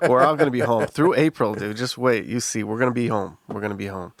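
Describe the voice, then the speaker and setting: A man in his forties with a Chicago accent, hosting a relaxed interview over a video call and often asking "you know what I mean". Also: medium pitch, fast, no echo. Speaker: podcast host.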